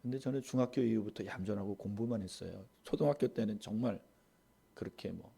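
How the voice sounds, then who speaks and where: A man, a pastor, preaching a sermon, rising to loud emphatic stress and dropping to soft asides. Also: fairly low pitch, brisk, creaky, breathy edge.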